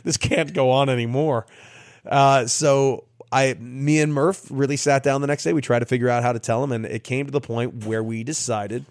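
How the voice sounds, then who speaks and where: A young man spins a funny story in a lively, chatty way, laughing and acting out other people's lines as he goes. His voice sits at an ordinary middle pitch, and the sound is dry and close, with no room echo. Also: moderate pace, hardly any pauses. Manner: lively, laughing storyteller who acts out quotes. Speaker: guest, professional baseball player. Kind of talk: casual storytelling.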